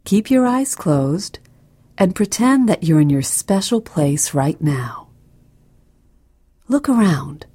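Female narrator for children's guided relaxation: soft, breathy, mellow, soothing and gentle, recorded close and dry. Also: lowish voice, expressive, slow pace, long pauses, no echo. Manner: soft, soothing, gentle delivery with breathy, near-whispered phrases.

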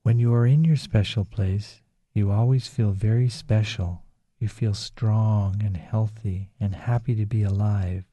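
A man reading a guided relaxation script in a slow, soothing, calm way. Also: fairly low pitch, dry recording. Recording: dull lo-fi recording.

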